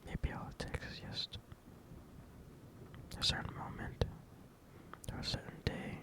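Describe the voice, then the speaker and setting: A person whispering ASMR affirmations in a breathy, unvoiced whisper, speaking in a halting, reassuring, rambling way. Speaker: ASMR content creator.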